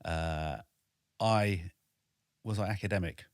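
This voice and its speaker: Low-pitched man in his forties, measured guest, dry close sound. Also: no echo. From Wales. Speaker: podcast guest, army veteran. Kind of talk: casual interview. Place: home studio in a flat.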